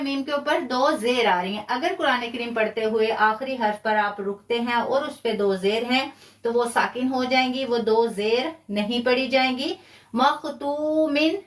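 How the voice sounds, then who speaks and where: A woman teaches a live online lesson in a high, clear voice. She explains each point patiently and step by step, slowing right down to draw out the example words. The sound is roomy and a little distant from the microphone. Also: a bit bright. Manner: slow, drawn-out recitation of example words. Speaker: Quran teacher. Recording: roomy, a bit far from the mic.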